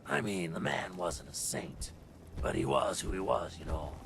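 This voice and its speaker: A gravelly, bitter town guard. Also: male voice, deep voice, lively intonation, moderate pace. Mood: bitter, weary. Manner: colloquial, weary, terse. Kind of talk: video game character acting. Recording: clear background noise, game ambience.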